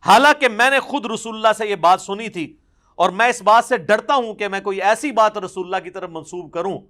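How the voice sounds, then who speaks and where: A male preacher delivers a passionate religious lecture. His voice sits somewhat high for a man, and he stresses his points through forceful repetition. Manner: impassioned, recounts hadith with emphatic repetition. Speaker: religious speaker.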